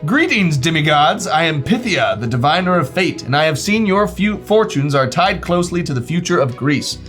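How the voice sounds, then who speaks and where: A man reading the lines of a solemn female oracle in his own plain voice, measured and grand. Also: sits low, sing-song, fairly bright tone, faint music behind. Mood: portentous. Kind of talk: reading flavor text aloud.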